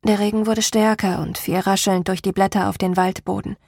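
Female audiobook narrator, steady first-person storytelling, dry close sound, raspy edge. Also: medium pitch, fairly quick, no echo.

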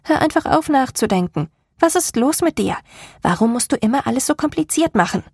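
A woman voicing the harsh, scolding inner voice of an anxious young woman, sharp and rising. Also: medium pitch, moderate pace, gravelly, breathy edge, no room sound, studio quality.

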